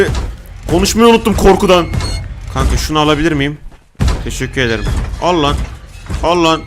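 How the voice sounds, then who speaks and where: Guy streaming a game, kinda high voice, super animated, yelling at stuff then muttering to himself. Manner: excitable, slangy, yells at game characters then mutters. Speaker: gaming streamer. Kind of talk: casual gameplay commentary.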